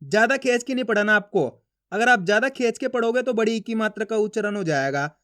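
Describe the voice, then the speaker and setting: A man teaching reading in an online lesson, sounding out each letter slowly and then joining them into words, and addressing viewers as friends. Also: high voice, animated, a bit bright.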